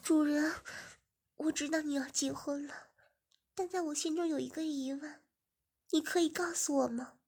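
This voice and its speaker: A woman voicing a devoted young female servant, crying and pleading in a high, loud voice. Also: fairly even intonation, moderate pace, pauses often. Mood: earnest questioning.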